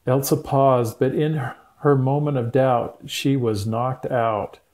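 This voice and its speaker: An older man with a grandpa voice reading a picture book aloud and pausing to point things out to a child. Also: mid-range voice, steady tone, a little mellow. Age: 60s or older. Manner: grandpa voice, slow and deliberate with pauses to point things out. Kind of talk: storybook read-aloud with asides to a child.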